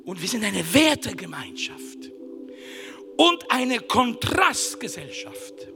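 A man preaching a sermon as pastor of his church, emphatic, swinging from shouted lines down to hushed whispers. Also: very high-pitched, big pitch swings, slow pace, gravelly. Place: church service. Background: music.

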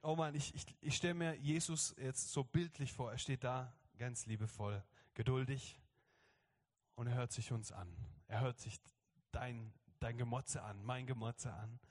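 A man in his thirties preaching a lively sermon as pastor, often acting out other people's voices. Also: medium pitch, a little slow. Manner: lively, acts out quoted voices. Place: church hall. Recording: long hall reverb.

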